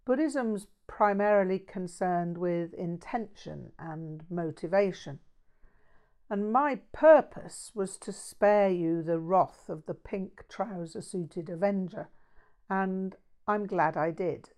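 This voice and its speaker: A woman's voice: fairly low pitch, slow, darkish tone. A woman voicing a mild, erudite, earnest Buddhist man in an audiobook story, speaking in a precise, bookish way.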